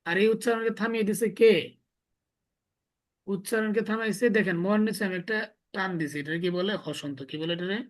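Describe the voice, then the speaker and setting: A man's voice: high voice, steady tone, a little fast, long pauses. A male teacher gives a classroom lesson. He explains patiently, step by step, and keeps drilling his students with repeated questions.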